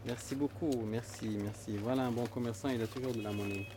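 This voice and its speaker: A man running a small grocery shop, chatting and joking loudly with customers. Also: medium pitch, fairly even intonation, fast talker, background noise. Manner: jovial, teasing, greets customers loudly. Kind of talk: chatty talk with customers on camera.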